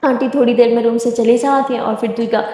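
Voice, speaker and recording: A woman's voice: fairly high pitch, fairly even intonation, fast talker, dark tone. A woman casually retelling a love story scene by scene, in a chatty way. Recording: echoey room, long reverb.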